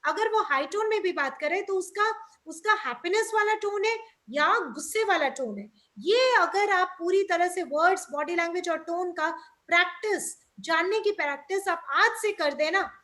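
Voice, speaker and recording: A woman's voice: extremely high pitch, expressive, normal speed, sharp tone. A woman trainer giving an enthusiastic, upbeat webinar talk over a video call.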